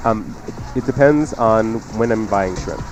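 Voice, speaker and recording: A man with a lowish voice, speaking a little slowly, hosts a radio cooking show, chatting through recipe instructions off the cuff and tossing in joking asides. The casual, unscripted segment has soft background music and a rough recording quality.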